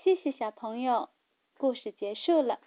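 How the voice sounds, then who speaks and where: A woman narrating a children's story in a gentle, sing-song way. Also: on the high side, lively intonation, moderate pace. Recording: tinny phone-like sound.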